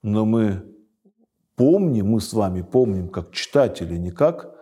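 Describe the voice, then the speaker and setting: Man, religious teacher, reflective commentary, mellow dark tone, hesitant pauses. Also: fairly low pitch, lively intonation, breathy edge. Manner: thoughtful, pauses with hesitation sounds. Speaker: religious teacher reading a book aloud. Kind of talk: reading with spiritual commentary.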